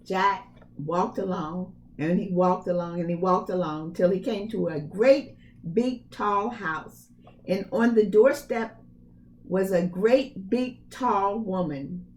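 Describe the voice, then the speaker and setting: A preschool storyteller reads a storybook aloud to young children, her mid-range voice unhurried and slow. She reads expressively, with emphatic phrasing and casual asides, and a slight background noise can be heard.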